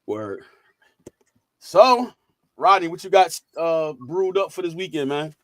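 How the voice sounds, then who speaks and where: A man hosting a casual faith discussion on a video call, voice rising high and loud when he encourages listeners. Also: slow pace, dry recording, studio quality. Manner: lively, preacherly rises when encouraging. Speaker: host of a faith talk stream.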